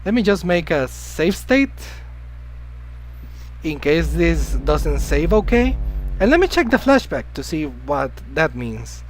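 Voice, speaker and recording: A man whose first language is Spanish is live-streaming a game, rambling in a chatty way, greeting viewers and answering chat while coughing now and then from illness. His slightly high voice is sing-song and slow, on poor audio with slight background noise.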